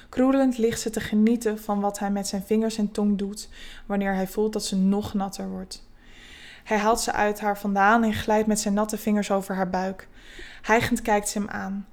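Soft-spoken woman narrating an erotic story. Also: mid-range voice.

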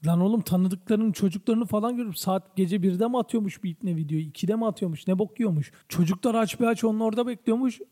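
A young Turkish man in his twenties hosts a podcast, ranting casually and swearing a lot out of exasperation. His high, mellow voice moves at a quick pace with few pauses.

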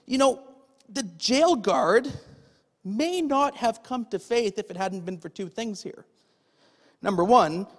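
A pastor preaching a conversational sermon, often checking in with "okay?" and asking the congregation questions. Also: male voice, high voice. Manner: asks the audience rhetorical questions. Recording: long hall reverb.

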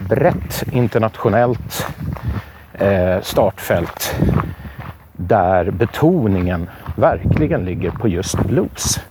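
A man hosting a podcast in relaxed, rambling casual chat, often hesitating. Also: on the low side, a little hiss or hum. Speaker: podcast host.

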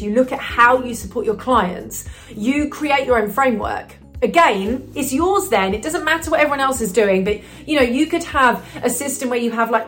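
A woman business coach talking casually to camera, upbeat and chatty, with lots of "you know" fillers. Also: a little high.

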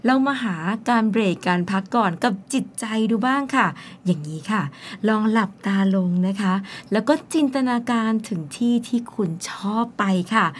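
A woman host with a fairly high voice explains English phrases in a chatty, playful way, acting out little examples with exclamations. A faint noise sits behind her voice. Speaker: host translating into Thai. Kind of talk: bilingual radio English lesson.

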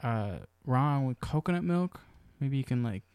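Laid-back gravelly-voiced male co-host. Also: medium pitch, lively intonation, unhurried, darkish tone, no echo. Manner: laid-back, agreeable, lots of backchannel. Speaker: podcast co-host. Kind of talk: casual chat.

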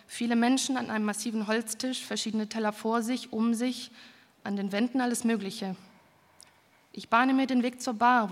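A woman reading a first-person literary story aloud in a calm, even manner. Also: fairly high pitch. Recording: long hall reverb.

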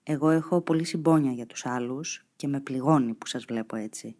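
A reader voicing a gentle, troubled young man. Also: mid-range voice, natural voice. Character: troubled 19-year-old man, grandiose and gentle.

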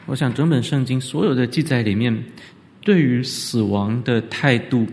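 A man giving an animated church lecture on scripture, often leaping up in pitch for emphasis. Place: church hall. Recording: reverberant church hall.

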